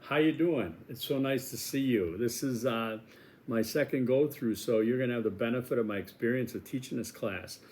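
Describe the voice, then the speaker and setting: A mid-range, slightly mellow voice at normal speed belongs to a Milwaukee man in his sixties with a Wisconsin accent. As a college instructor recording a course welcome video, he chats casually, rambles, and makes self-deprecating jokes.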